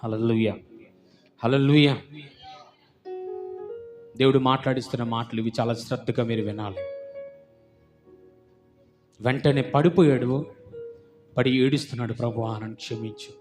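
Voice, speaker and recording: A man's voice: medium pitch, fairly even intonation, a little slow, pauses often, darkish tone, faint music behind. A man preaching a sermon as pastor, fervent and emphatic, firing rhetorical questions at the congregation and repeating words for emphasis.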